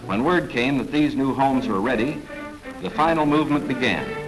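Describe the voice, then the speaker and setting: A man's voice: mid-range voice, rough recording. Man narrating an old newsreel over music. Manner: formal, measured, authoritative delivery. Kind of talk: 1940s government newsreel narration.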